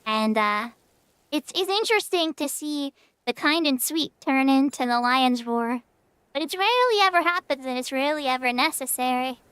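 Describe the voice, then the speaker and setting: A woman's voice: high voice, expressive, moderate pace, a bit bright, dry recording. A woman livestreamer chatting casually while gaming, in a cute anime-girl manner.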